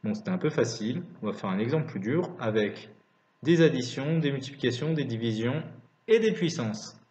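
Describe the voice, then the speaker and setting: A man's voice: medium pitch, lively intonation, a little fast, darkish tone. A man teaching maths in a scripted lesson narration, dictating calculations piece by piece. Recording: roomy, slightly dull recording.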